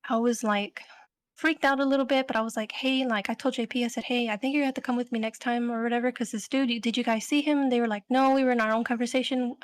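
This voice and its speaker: A young adult woman co-hosting a podcast, telling a story in a rambling, casual way full of fillers. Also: on the high side. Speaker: podcast co-host.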